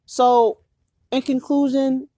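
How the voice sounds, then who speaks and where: A woman's voice: sits high, little pitch movement, slow pace, mellow, no room sound, clean studio sound. A woman vlogger giving dating advice to her viewers, earnest and urgent, repeating her warnings. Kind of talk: earnest direct-to-camera talk.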